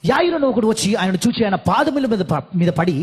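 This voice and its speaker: A man interpreting a sermon phrase by phrase, rendering each line quickly with small restarts. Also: high voice, very animated, slightly rough.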